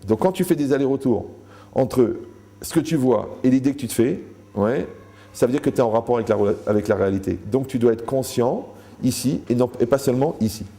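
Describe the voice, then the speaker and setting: A man's voice: medium pitch, brisk, gravelly, dark tone. A man giving a Torah lecture to a live audience, joking, asking the room questions and acting out the people he quotes.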